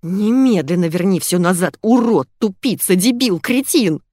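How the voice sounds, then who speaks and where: A woman's voice: mid-range voice, lively intonation, measured pace, a little mellow, no echo, clean studio sound, pitched above the performer's own voice, natural voice. A woman reader voicing a young woman with an explosive temper, in an audiobook. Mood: raging. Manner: shrieking, hysterical outbursts. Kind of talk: audiobook reading.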